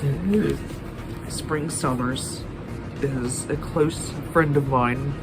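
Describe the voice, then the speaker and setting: A young drag performer from Ohio in their early twenties speaks to camera in a confessional, joking about themselves in a camp, theatrical way. The pace is slow and drawn out, and the voice sits at a middling pitch. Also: fairly even intonation, loud music behind the voice. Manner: campy, self-mocking, drawling jokes. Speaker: drag competition contestant.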